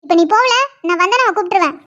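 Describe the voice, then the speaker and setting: Woman voicing a shy girl student, very high. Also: animated, rapid-fire, fairly bright tone. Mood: bashful. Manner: bashful, sulky. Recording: dull lo-fi sound.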